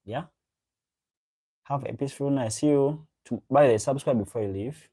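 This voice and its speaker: A man with a medium-pitched, husky voice and a dark tone talks at a moderate pace. He's a livestream host who chats casually and directly with his viewers, reading their comments aloud, rambling and repeating himself. He grew up speaking a local African language first.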